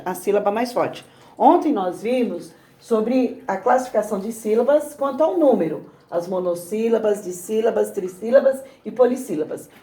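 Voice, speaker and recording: A Brazilian woman teaching a recorded lesson to young children, stretching words out slowly. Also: medium pitch, warm tone. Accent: Brazilian Portuguese. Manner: slow, exaggerated sounding out of words. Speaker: primary school teacher.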